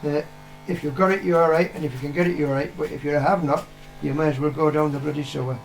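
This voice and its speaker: An older British man with a slightly high, gravelly voice talks fast in a fairly even tone, chatting casually as the vlogger's father being interviewed. He gives his opinions bluntly and plainly, swearing and repeating himself for emphasis. The low-quality recording has slight background noise.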